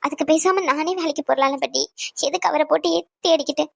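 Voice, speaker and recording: A woman's voice: high voice, fast, gravelly, no room sound. A woman voicing an upset young married granddaughter in a cartoon, talking in a hurt, pleading way. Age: young adult. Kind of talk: cartoon voice acting.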